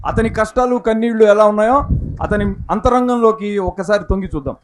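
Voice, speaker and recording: A man presenting a street play in loud, rhetorical street performer patter. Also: high voice, fast. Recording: clearly noisy recording with clicks.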